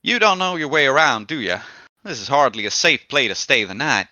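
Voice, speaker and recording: Man voicing a brash streetwise woman, bright and forceful. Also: medium pitch, sing-song, brisk, no echo, highs cut off, voice pushed up. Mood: cocky, taunting. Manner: brash, folksy, drawling slang. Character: cocky streetwise female jackal claiming her turf.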